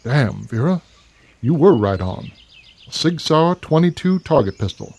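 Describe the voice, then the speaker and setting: A man voicing a gruff, wisecracking police officer who needles his friend. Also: fairly high pitch, sing-song, a little slow, very noisy, voice pushed up, heavily acted. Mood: needling. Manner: dry, needling, complaining. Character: gruff, wisecracking middle-aged male cop.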